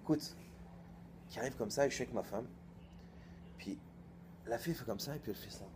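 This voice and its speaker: This lively, colloquial sermon comes from a man in his thirties, a rabbi who plays every part in the exchanges he recounts. He speaks a little fast in a mid-range voice. The background is noisy.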